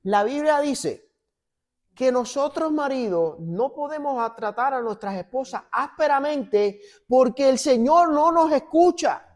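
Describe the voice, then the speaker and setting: A man's voice: very high-pitched, measured pace. A man, a pastor, preaching in a church and acting out dialogue as he tells stories. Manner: animated storytelling, acts out dialogue. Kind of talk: sermon with church banter. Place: church sanctuary.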